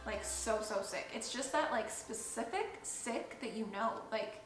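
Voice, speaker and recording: Young woman video creator, really high voice, candid playful chat, bit of music behind. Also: a little slow. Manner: candid, playful, dramatic emphasis. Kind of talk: casual chat to camera. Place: indoors at home. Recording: roomy echo, faint music behind.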